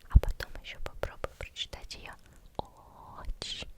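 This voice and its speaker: Hushed whispered ASMR tongue-twister reading. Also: unhurried. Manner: hushed whisper, stumbles over words and repeats them. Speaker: ASMR creator.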